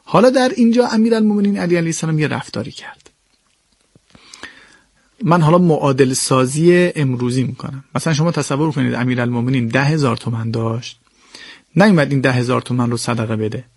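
A man giving an animated religious talk, explaining verses to his listeners with lively swings in pitch and pace. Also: dry recording, studio quality. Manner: addresses listeners directly and politely.

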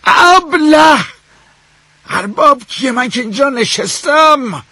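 A man voicing a flustered, anxious clerk who mutters and frets to himself, with a husky voice. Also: on the low side, very animated, a little mellow, no room sound, full character voice. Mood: shouting.

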